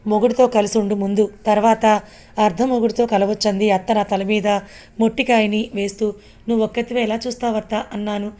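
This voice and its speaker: A woman narrating a serialized audio story in the first person, reading every character's lines herself in a measured way. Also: a little high, a little mellow.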